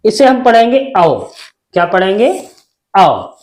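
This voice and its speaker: A man's voice: high-pitched, big pitch swings, slow pace, darkish tone. A man teaching Hindi spelling, drawing out and repeating syllables and answering his own questions. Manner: asks a question and answers it himself. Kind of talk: slow spelling lesson.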